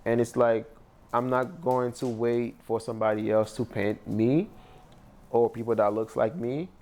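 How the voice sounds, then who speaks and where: A man's voice: mid-range voice, steady tone, unhurried, darkish tone. A young man from Haiti with a Haitian accent, a painter in a documentary interview, speaking reflectively with loose phrasing and many fillers. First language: Haitian Creole.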